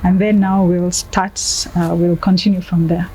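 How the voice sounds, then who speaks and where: A woman's voice: on the low side, little pitch movement, moderate pace, lo-fi sound, slight background noise. Affirming woman TV host. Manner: warm, affirming, with frequent amens. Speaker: TV show host.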